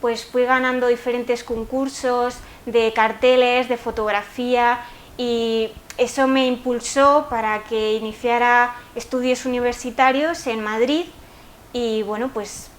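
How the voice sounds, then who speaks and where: Hesitant young woman artist, slightly high. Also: steady tone, unhurried. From Spain. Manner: hesitant, with many fillers. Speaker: artist guest. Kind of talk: interview answers.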